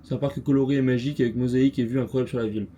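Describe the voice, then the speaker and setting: Here's a male travel vlogger speaking rapid-fire at medium pitch, his tone dark and his intonation fairly even. He chats in a loose, slangy, self-mocking way full of fillers, mostly out on bright, crowded city streets. A small handheld gimbal camera mic catches the surrounding street noise.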